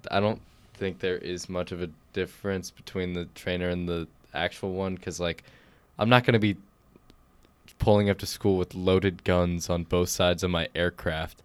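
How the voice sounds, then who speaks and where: Deep-voiced teenage podcast co-host. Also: male voice, level tone, normal speed, smooth, no echo. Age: teens. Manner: laid-back, dry, trailing quieter at ends. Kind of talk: casual podcast chat.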